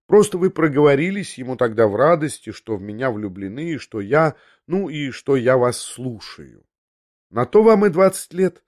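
A man's voice: mid-range voice, close to an everyday voice. A man voicing an agitated, tearful noblewoman. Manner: breathless, restless, half talking to herself. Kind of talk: audiobook character voice.

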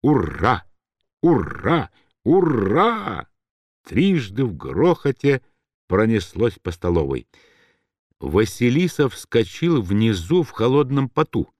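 A man narrating a novel as an audiobook in an expressive, dramatic reading. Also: mid-range voice, measured pace, no echo, studio quality.

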